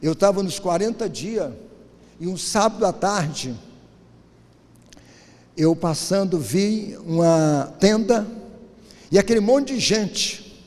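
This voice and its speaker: A man's voice: high voice, slow, long pauses. Brazilian pastor guy preaching, keeps going "não?" to the crowd, big echoey church. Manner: animated storyteller, often turning to the congregation with "querido" and "não?". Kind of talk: sermon with storytelling. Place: church sanctuary. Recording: church hall with long reverb.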